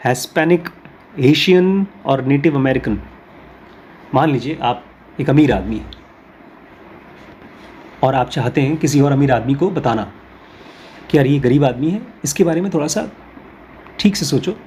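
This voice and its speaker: A man teaching a spirituality course, explaining ideas in Hindi mixed with English phrases. He reads English lines slowly, then explains them through everyday examples. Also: a little high, darkish tone, slightly rough. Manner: explains with everyday examples and role-play scenarios.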